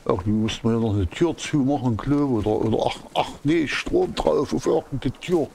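A man's voice: medium pitch, moderate pace, gravelly, mellow, slight background noise. A man doing casual live commentary as a game streamer, thinking aloud and muttering to himself.

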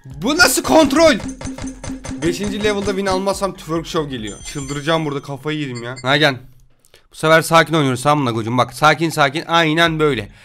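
A young man commentating a mobile game he plays on his computer, loud and excitable, often shouting and laughing at it. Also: fairly high pitch, fast talker, soft background music. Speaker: gaming YouTuber.

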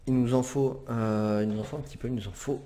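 A man's voice: mid-range voice, fairly even intonation, fast talker, dark tone, slight background noise. A man commenting as he plays a game, hesitant and chatty, with many fillers and self-corrections. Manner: apologizes for swearing, casual and chatty. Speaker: gamer commentator. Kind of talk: let's play commentary.

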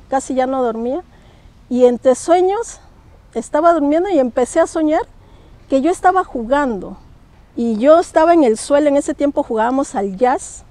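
A woman's voice: high-pitched, dark tone, no room sound. A middle-aged woman telling a personal ghost story, emotional and hesitant, often repeating her words. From Peru. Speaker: guest storyteller. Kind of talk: personal paranormal testimony.

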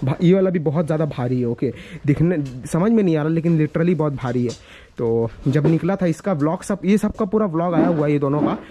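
A young Indian man vlogs casually with a handheld camera held at arm's length, walking through village lanes and a cattle shed while giving directions and a farm tour. He explains things to viewers repetitively and instructively in a fairly quick, mellow, higher-pitched voice. The outdoor recording is noisy and muffled, with ambient sound.

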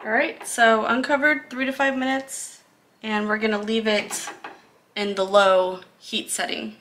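A woman's voice: on the high side, fairly even intonation, a little slow, a bit bright, a little hiss or hum. A woman explaining a recipe step by step in a casual, chatty cooking video, recorded in a home kitchen, laughing now and then. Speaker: cooking vlogger.

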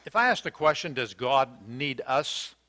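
An older American man preaches a sermon indoors in a church sanctuary, earnest and questioning, with hesitant fillers and restarts. His mid-range voice has lively intonation and a bright, forceful tone, delivered unhurriedly.

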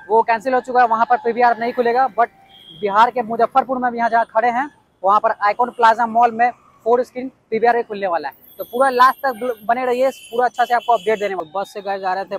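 A man from Bihar, India, with a high, slightly bright voice, films an on-location walkaround vlog outdoors at a building site. Eager and hyped, he keeps repeating his key points with "yes indeed."

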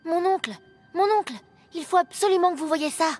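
A woman's voice: very high voice, fairly even intonation, a little fast, darkish tone, pitched above the performer's own voice. A woman voicing an eager, brave young girl mouse in a storybook game, over game music.

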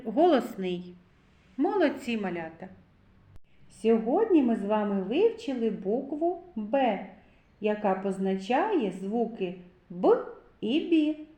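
Woman, preschool teacher, very slow and lilting, a little high, in an echoey room. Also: a little mellow. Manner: sing-song, drawn-out syllables, praising and coaxing. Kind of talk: slow, clearly articulated lesson for small children.

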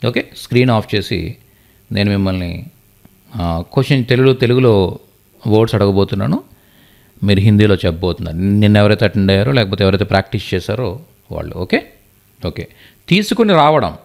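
A man's voice: on the low side, animated, vocal fry, a little mellow. Patient man teaching word by word. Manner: repeats each word slowly, translating back and forth. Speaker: Hindi teacher. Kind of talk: online class lesson.

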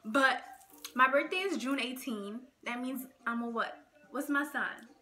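A woman's voice: high-pitched, a little slow, pushed and bright. A young woman from Nigeria, chatting casually to camera in a rambling get-to-know-me video, full of "like" and "okay". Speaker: vlogger. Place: indoors in front of a plain gray backdrop.

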